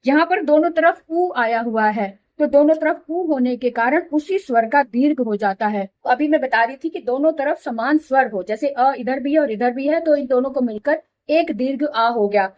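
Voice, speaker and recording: A middle-aged woman teaching Hindi grammar in a patient classroom manner, slowly repeating examples and checking that students follow. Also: high voice, darkish tone. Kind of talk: classroom explanation.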